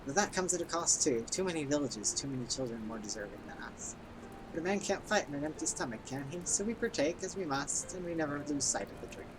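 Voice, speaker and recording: A man's voice: on the high side, expressive, quick pace, natural voice, low-quality recording. Man voicing an earnest, weary resistance fighter.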